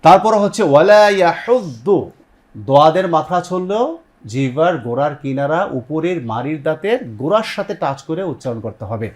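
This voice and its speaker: A man's voice: fairly high pitch, lively intonation, darkish tone. A man from Bangladesh teaching a Quran tajweed lesson on TV. He explains step by step, quizzes his students, and repeats their answers back. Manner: repeats students' answers back, sounds out Arabic words slowly. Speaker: Quran recitation teacher and TV host.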